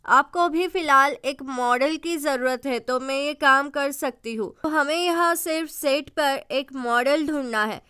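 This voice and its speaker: A woman's voice: high-pitched, unhurried, hardly any pauses, sharp tone, no echo, studio quality. A woman reading as a bossy young life coach. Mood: confident.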